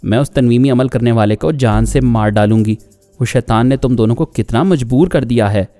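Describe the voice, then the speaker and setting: A man's voice: medium pitch, moderate pace, dark tone, faint music behind, close to an everyday voice. A man voicing a naive, childlike young woman who pleads artlessly in a storybook reading. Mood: childlike, pleading.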